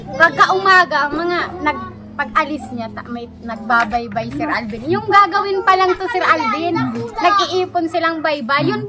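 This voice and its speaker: High-voiced woman telling a story. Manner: animated, laughs often, keeps addressing the host. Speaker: interviewee telling a personal story. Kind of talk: casual storytelling chat. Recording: background music under the voice. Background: music.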